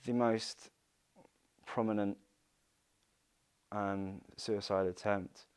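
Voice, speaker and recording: A man giving a halting personal account in a documentary interview, pausing and searching for words. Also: lowish voice, flat delivery, clear, resonant tone. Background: music playing softly.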